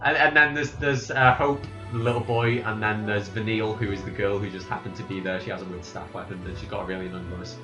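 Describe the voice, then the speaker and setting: A man recapping a game's plot from memory in casual chat, rambling and halting, with lots of restarts. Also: lowish voice, steady tone, music in the background. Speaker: podcast host. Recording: roomy, slightly dull home recording.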